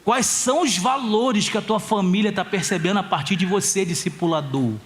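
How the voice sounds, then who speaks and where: A male pastor preaches at a church conference, his voice sitting noticeably high for a man. He moves between fervent exhortation and homely stories about his family, slowing down to lean hard on the words that matter. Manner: impassioned preaching, slowing to stress key phrases; storytelling with family anecdotes. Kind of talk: sermon.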